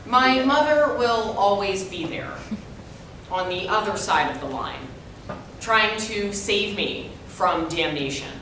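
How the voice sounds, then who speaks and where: As a reader's theater performer, this woman delivers rehearsed dramatic narration in an animated, slow, somewhat bright voice. A distant microphone picks her up in a large, very echoey room, with a faint rumble underneath.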